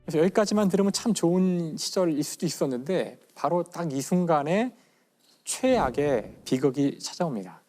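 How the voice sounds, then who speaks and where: A man in his fifties, a physics professor on a TV talk show, telling a story in a lecture style and slowing down for dramatic emphasis. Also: a little high, very animated, a little mellow, soft background music. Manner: enthusiastic, slows down for dramatic emphasis. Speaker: physics professor guest speaker.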